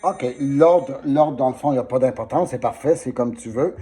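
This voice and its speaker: A man's voice: mid-range voice, normal speed, warm tone, soft background music. A man giving a patient singing lesson, coaching and demonstrating vowels while coughing through a sore throat. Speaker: singing teacher. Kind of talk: one-on-one voice lesson.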